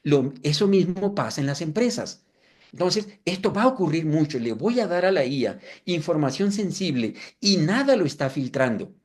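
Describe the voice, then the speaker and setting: A man's voice: a little high, normal speed. A man in his fifties presenting a live webinar demonstration, asking the audience questions and making self-deprecating asides. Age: 50s. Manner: lively, asks the audience rhetorical questions.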